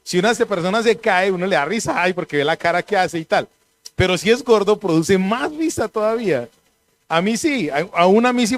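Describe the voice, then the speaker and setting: Colombian pastor guy, middle-aged, brightish voice, chatty sermon w/ jokes. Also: high-pitched. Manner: lively, conversational preaching with humorous asides. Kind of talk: church sermon. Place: church service.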